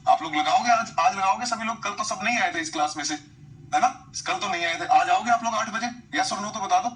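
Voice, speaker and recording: A man's voice: sits high, fairly quick, a bit bright, far from the mic, slight background noise, low-quality recording. A man teaching English grammar, chatty, repeating points and quizzing his students. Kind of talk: live online class, explaining in Hindi.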